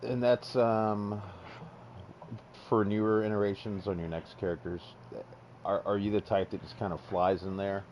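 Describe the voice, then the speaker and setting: A man hosting a podcast, asking questions in a hesitant, halting casual way. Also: fairly low pitch, flat delivery. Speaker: podcast host. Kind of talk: casual chat. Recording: muffled lo-fi mic with hiss.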